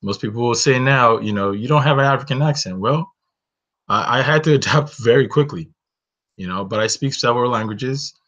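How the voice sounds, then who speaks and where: A Northern Nigerian man in his thirties, whose first language is Hausa, talks a little fast in a mid-range, fairly bright voice. Hosting a webinar alone from a small bedroom, he earnestly reflects on his personal story with many "you know"s. Audio comes from a close-framed webcam and sounds dull and lo-fi.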